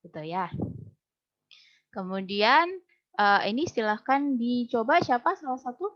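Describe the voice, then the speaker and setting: A woman teaching a language class, patiently repeating words slowly for her students. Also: a little high, lively intonation. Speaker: Mandarin teacher. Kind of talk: online Mandarin lesson in Indonesian. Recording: dull lo-fi recording.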